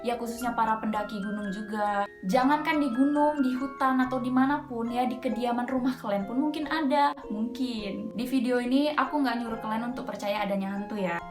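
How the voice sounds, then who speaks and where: Speaking fairly quickly in a fairly high voice, a young woman from Medan, Indonesia hosts a casual horror session, telling a mountain ghost story. Her Medan Indonesian accent comes through as she chats in slangy style, tossing in frequent filler interjections. The room is echoey, with background music playing.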